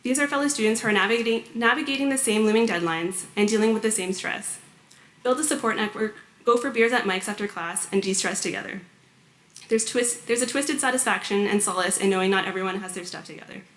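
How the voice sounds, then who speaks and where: A woman's voice: medium pitch, quick pace, fairly bright tone. A woman from Canada, a graduate student, giving a prepared and lightly humorous speech at an orientation. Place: large hall before hundreds of students. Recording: echoey hall.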